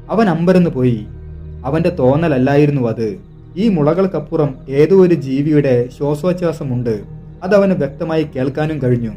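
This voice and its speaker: A man from Kerala, India, narrating a scripted hunting story in a steady, suspenseful manner. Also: on the high side.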